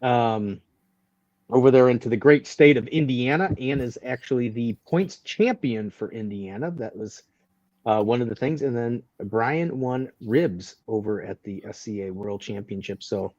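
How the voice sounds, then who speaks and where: A man with a mid-range, darkish voice speaks at a measured pace, co-hosting a casual barbecue live stream over a video call. He rambles and jokes, repeating phrases and making show announcements amid casual banter. The recording is dry, with slightly dull lo-fi stream audio.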